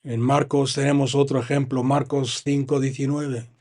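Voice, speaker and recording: A man with a Spanish accent from Spain, preaching a sermon and reading Bible verses aloud, with frequent pauses to comment and stress his points. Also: medium pitch, level tone, a little mellow. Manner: reads scripture, then stops to comment and stress points. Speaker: pastor.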